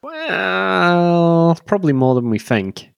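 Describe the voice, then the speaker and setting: Co-host, young man, relaxed questioning manner, dry close-miked voice. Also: on the low side, normal speed, no echo. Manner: easygoing, asks questions, dry remarks. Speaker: podcast co-host. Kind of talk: casual gaming podcast chat.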